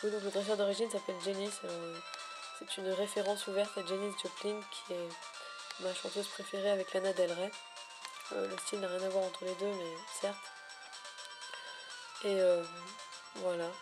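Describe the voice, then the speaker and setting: A woman vlogging about her shiny hunts in a wordy, elaborate way, pausing often with hesitations and gushing affectionately at times. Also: medium pitch, level tone, over music. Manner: ornate, wordy phrasing with frequent hesitations. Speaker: Pokémon shiny hunter vlogger. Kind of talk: casual vlog narration.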